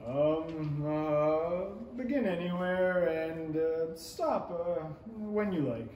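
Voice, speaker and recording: A young man plays a muddled, self-satisfied king in a 1930s-style radio play, hemming and musing pompously. His fairly high voice moves extremely slowly and the audio sounds dull. It was picked up on an indoor small-theatre stage, with echo and faint noise.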